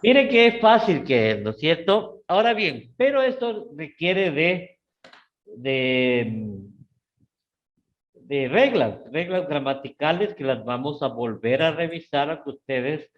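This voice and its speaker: A middle-aged man with an Ecuadorian Spanish accent teaching a live class, often checking in with his students and rising sharply in pitch on key words. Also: takes it slowly, dull audio. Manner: repeats "¿sí?" and "¿no es cierto?" to check on students; lively, with sudden rises in pitch.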